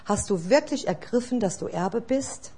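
Earnest breathy woman preaching. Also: fairly high pitch, animated, moderate pace, a little mellow. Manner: earnest, exhorting, with rhetorical questions. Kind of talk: sermon.

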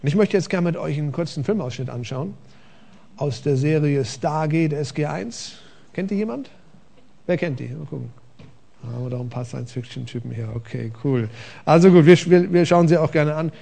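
A man preaches from a church stage, speaking with a gravelly, slightly raised voice. His delivery is conversational and lively, full of questions to the room. He sounds like a pastor talking his congregation through a sermon. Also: on the high side, brisk.

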